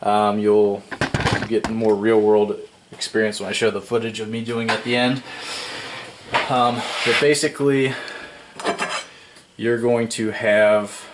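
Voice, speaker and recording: A DIY home repair presenter, his voice on the low side, guides viewers step by step through fixing some plumbing at a wooden workbench inside a workshop. The recording is very noisy, and his relaxed, explanatory tutorial is full of ums and self-corrections.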